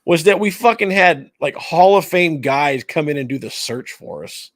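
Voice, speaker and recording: A man's voice: a little high, moderate pace, no echo. A man co-hosting a podcast in casual sports chat, swearing a lot and laughing often, recorded close on a dry mic. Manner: profane, animated, laughs often. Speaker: podcast co-host.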